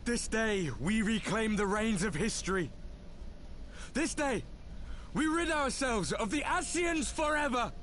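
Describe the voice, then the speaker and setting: A man's voice: very high-pitched, animated, measured pace, fairly bright tone, slight background noise, voice pushed up, full character voice. A man voicing a bold, defiant heroic warrior in a video game with rousing, declamatory delivery.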